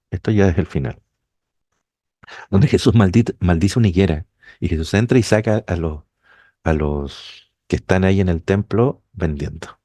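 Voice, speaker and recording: A man's voice: deep voice, dark tone, no room sound. A man preaching a sermon, explaining a passage to his congregation and rising to emphatic peaks.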